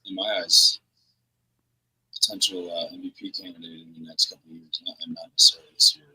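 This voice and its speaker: A man's voice: sits low, level tone, quick pace, pushed and bright, husky, no echo. A man co-hosting a casual sports podcast over a call, rambling and restarting his phrases, his voice muffled as if underwater from an audio glitch. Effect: muffled, underwater-sounding audio glitch. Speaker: podcast co-host.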